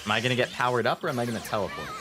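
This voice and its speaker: A man with a mid-range voice streams a video game, offering casual, musing commentary in a fast, expressive way. He is a native English speaker, and game music and dialogue play behind him.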